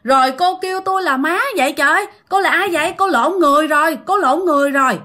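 A woman's voice: high voice, quick pace, pushed and bright, voice pushed up. Woman playing a bewildered grandmother. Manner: bewildered, protesting. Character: startled grandmother confronting a strange woman.

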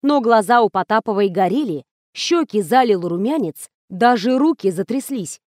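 A woman narrates a detective novel in the first person with a measured, storytelling delivery. Her voice sits a little high. The recording is dry and close, with no room around it. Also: lively intonation, a little mellow, no echo. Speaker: audiobook narrator.

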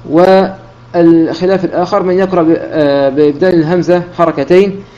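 Male teacher, methodical and rapid, warm tone, lo-fi recording. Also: a little high, steady tone. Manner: methodical, restates and rephrases terms. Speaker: Quran recitation teacher. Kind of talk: explanatory lecture. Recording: dull lo-fi recording with faint hiss.

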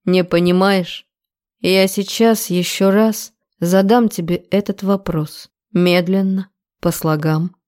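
A woman reading an audiobook, voicing an enraged young man who interrogates slowly and with menace. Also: lowish voice, fairly even intonation, darkish tone. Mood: menacing. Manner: slow, threatening interrogation. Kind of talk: audiobook character voice.

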